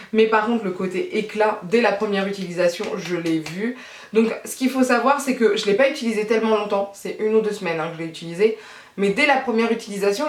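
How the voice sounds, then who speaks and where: A woman's voice: mid-range voice, recorded from a distance. Chatty woman vlogger in an echoey room. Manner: chatty, self-mocking, laughs easily. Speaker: beauty vlogger host. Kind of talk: casual chat to camera. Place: at home, child nearby. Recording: echoey room, voice set back from the mic.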